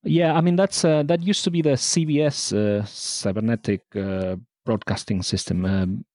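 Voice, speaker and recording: A man from Argentina, a musician guest on a podcast, speaking softly with many pauses. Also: mid-range voice, fairly even intonation, no room sound, studio quality. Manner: soft-spoken, frequent uh fillers. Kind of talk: casual interview.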